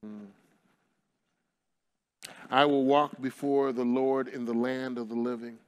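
A man's voice: mid-range voice, little pitch movement, takes it slowly, smooth, lo-fi sound. A man preaching a sermon at a live worship night, building in fervent, repeating bursts. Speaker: pastor.

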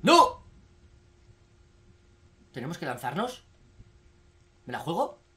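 A young man with a Spain Spanish accent doing excitable let's-play commentary as a gaming YouTuber, often breaking into shouted exclamations. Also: sits high, brisk.

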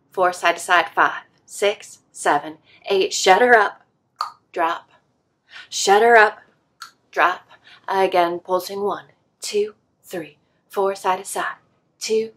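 A woman teaching a dance move, counting beats out loud from a distance. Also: mid-range voice. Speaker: dance instructor.

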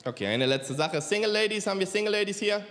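High-voiced man doing stand-up in a hall. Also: expressive, fast. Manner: punchy, mimics accents and voices, addresses crowd. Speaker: stand-up comedian. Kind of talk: stand-up comedy set. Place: comedy club stage in Stuttgart. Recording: live stage in a hall with reverb, faint crowd noise.

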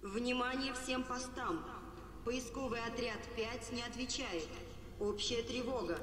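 A woman voicing a formal security announcer whose alerts come over a station loudspeaker in a game. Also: fairly high pitch, unhurried, a little hiss or hum. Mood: alarm. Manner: flat, formal, official. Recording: echoey hall loudspeaker from a game.

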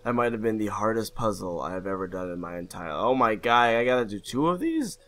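A man's voice: lowish voice, big pitch swings, a little fast, a bit bright, faint music behind. Sarcastic, swearing male game commentator. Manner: sarcastic, profane, laughing.

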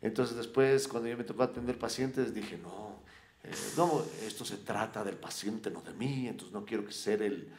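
A middle-aged man, a psychologist guest chatting casually and telling animated stories full of slang. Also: fairly low pitch, normal speed, a little hiss or hum. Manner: lively storyteller, slangy, animated asides. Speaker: podcast guest, psychologist and broadcaster. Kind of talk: casual conversation. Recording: roomy echo.

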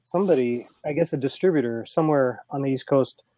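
A man's voice: medium pitch, fast, mellow. A man co-hosting a casual beer chat, speaking in an easygoing way with some hesitations.

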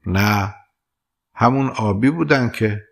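A man reading a gentle young woman with lost memories. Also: fairly low pitch, gravelly.

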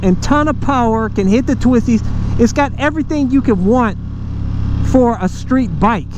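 A man vlogging while riding a motorcycle, chatting excitedly and casually to viewers from his helmet mic. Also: extremely high pitch, moderate pace, highs cut off. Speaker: motovlogger. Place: riding a motorcycle outdoors on city streets. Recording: helmet mic with road and engine noise. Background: engine and wind noise.

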